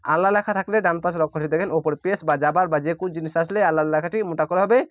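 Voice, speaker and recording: Man, slightly high voice, dry close sound, teacher, syllable-by-syllable recitation, long drawn-out words. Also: steady tone, dry recording. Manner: spells out each syllable, then blends it into the word; draws out recited words very slowly. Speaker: Quran reading teacher. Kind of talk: slow letter-by-letter recitation lesson.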